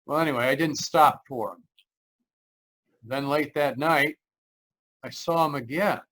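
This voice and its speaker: Acting as lead narrator in a 1940s-style radio mystery, a man plays an uneasy motorist recounting an eerie road story, his delivery hesitant, dramatic, haunted and brooding. His voice is fairly high, a bit bright, and a little slow. It's recorded over a remote video call.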